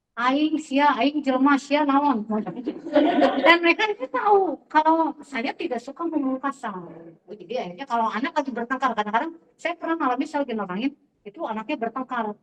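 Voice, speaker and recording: A middle-aged Sundanese woman teacher sharing classroom anecdotes in a lively storytelling way, acting out the dialogue. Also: high-pitched. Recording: distant, dull recording.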